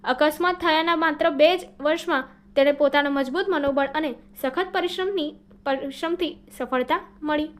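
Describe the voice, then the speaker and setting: Woman, high pitch, teacher, reading answers aloud, steady explanatory delivery. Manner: steady, explanatory reading with small self-corrections.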